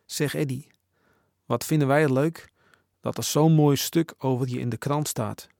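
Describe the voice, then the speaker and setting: A sweet, chatty schoolgirl pouring out her excitement in a letter, as a male narrator reads it. The delivery stays near his own gravelly voice. The sound is close and dry. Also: mid-range voice, measured pace, dry recording. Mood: gushing. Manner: chatty, gushing.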